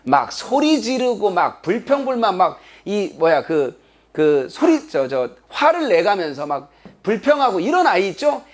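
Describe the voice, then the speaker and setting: Middle-aged male English lecturer, high voice, animated classroom delivery. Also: measured pace. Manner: animated, acts out quoted children in a higher voice. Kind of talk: exam prep lecture.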